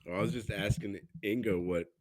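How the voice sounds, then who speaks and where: A man playing a tabletop game over voice chat, making quiet, low-key side remarks. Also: fairly even intonation, fairly quick, no echo. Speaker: player.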